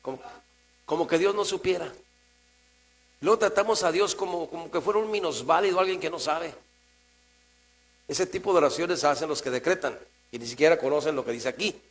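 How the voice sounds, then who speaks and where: A man with a Mexican Spanish accent preaching a sermon as pastor, talking conversationally and swinging from quiet asides to raised, emphatic lines. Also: a little high, brisk, long pauses, low-quality recording. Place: church. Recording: mains hum in the background.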